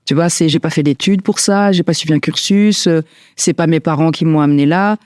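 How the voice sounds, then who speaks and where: Reflective woman, halting casual talk. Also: sits low, a little mellow, no echo, clean studio sound. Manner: hesitant, many fillers and restarts. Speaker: guest, stylist and entrepreneur.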